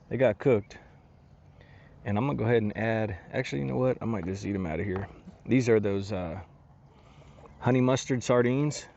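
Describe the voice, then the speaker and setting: A man casually narrating his camping trip outdoors at a lakeside campsite, talking in a relaxed, rambling way with lots of fillers and restarts. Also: on the low side, gravelly, lo-fi sound. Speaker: outdoor vlogger.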